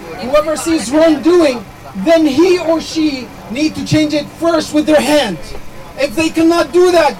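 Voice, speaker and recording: A man's voice: very high voice, rough recording. A man giving an impassioned speech at an outdoor protest rally, with heavy repetition and call-and-response. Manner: rhetorical repetition, leads chants. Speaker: rally speaker.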